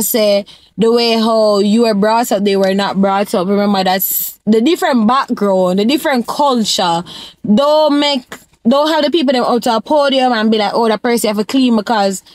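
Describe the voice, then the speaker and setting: A young Jamaican woman talks straight to her viewers in a casual advice vlog. She slides between English and patois in a relaxed, chatty way. Her voice sits a little high and sounds close and dry, with no room echo. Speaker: vlogger.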